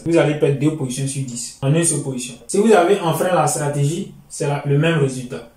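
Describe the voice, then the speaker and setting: A man's voice: a little high, darkish tone. A man teaching trading to his students in a lecture, explaining step by step and often repeating himself. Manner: explanatory, repeats phrases, addresses "chers amis". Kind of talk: lecture over charts. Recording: roomy, distant mic.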